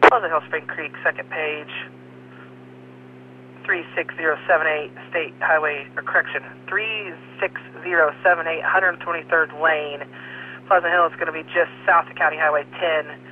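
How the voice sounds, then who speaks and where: A man's voice: fairly high pitch, fairly even intonation, moderate pace. A male emergency dispatcher reading out a call over a two-way radio, in clipped, procedural radio codes. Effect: two-way radio transmission. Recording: muffled radio with faint hum.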